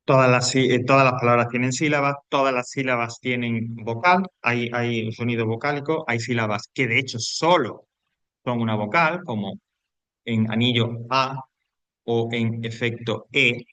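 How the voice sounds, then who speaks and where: A man teaches a grammar lesson in a smooth, medium-pitched voice that is fairly bright, speaking at normal speed. He explains patiently, repeats his points and checks in with students through frequent tag questions. The recording is dry.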